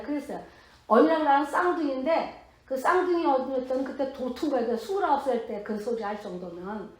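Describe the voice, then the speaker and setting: Woman pastor, around fifty, high voice, emphatic testimony sermon, heavy hall echo. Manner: animated, emphatic storytelling with blunt colloquial speech. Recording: very echoey hall.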